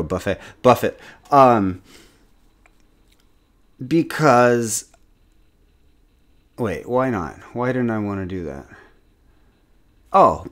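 A channel host with a medium-pitched voice casually critiques his own gameplay, thinking out loud with restarts and chuckles.

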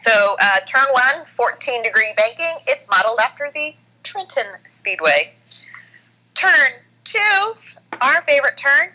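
A woman's voice: high voice, sing-song, unhurried, bright, forceful tone, poor audio. A woman co-hosting a racing podcast in playful casual chat. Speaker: podcast co-host.

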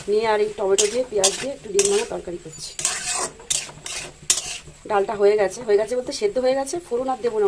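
A woman's voice: a little high, background noise. A woman vlogging from her village home, chatting to viewers as she feeds animals and cooks. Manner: chatty, explains each cooking step to viewers. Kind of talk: casual cooking vlog narration.

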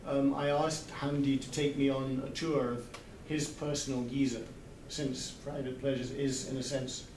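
At an informal book club gathering, a man in his sixties who works as a literary translator reflects aloud, hesitating and hunting for the right words. He speaks at a normal speed with a medium pitch that barely moves. Picked up by a camera a few metres away in a big hall where a small group sits in a circle, the sound is distant, echoey and noisy.

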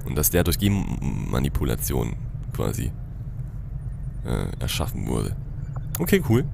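A man's voice: rumbling low, big pitch swings, measured pace, creaky, background noise. A young man giving casual, slangy gameplay commentary, thinking aloud into a headset. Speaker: gaming let's-player. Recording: game music behind.

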